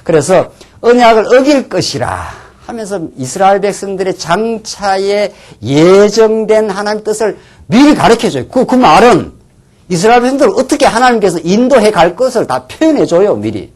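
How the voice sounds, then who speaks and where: Male pastor giving a bible lecture, fairly high voice that swings up and down a lot. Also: moderate pace. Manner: animated, dropping to near-whispers for emphasis, acts out quotes. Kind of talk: sermon-style Bible lecture.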